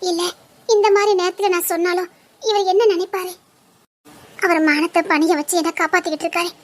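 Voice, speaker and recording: A frightened young woman on the run, as a woman acts her out in an audio drama, speaking with a Tirunelveli Tamil accent. Her voice sits extremely high, and she pleads and worries as if close to tears. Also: steady tone, brisk. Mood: anxious. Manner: anxious, pleading, often near tears.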